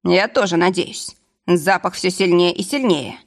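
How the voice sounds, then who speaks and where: A woman reading an audiobook, voicing a calm adult male driver who speaks in a dry, matter-of-fact way. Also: fairly low pitch, unhurried. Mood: level.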